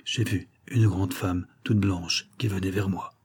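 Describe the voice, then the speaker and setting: A man voicing a frightened, superstitious male servant who speaks in a low, hushed voice. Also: fairly even intonation, measured pace, breathy edge.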